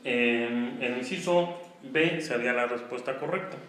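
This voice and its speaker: A man's voice: mid-range voice, a little slow, a bit bright. Mexican man teaching in an echoey room. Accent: Mexican Spanish. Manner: explanatory, repeats checks like "¿sí?". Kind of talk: online class lecture on Spanish grammar. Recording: very echoey room, faint noise.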